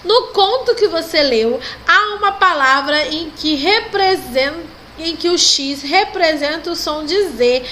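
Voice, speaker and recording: A woman's voice: sits high, animated, sharp tone, a little hiss or hum. A woman with a Brazilian Portuguese accent, teaching a recorded primary school class and patiently drawing out each example word. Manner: slow, patient, drawing out example words and checking with "ok?" and "né?". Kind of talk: recorded online class correcting textbook exercises.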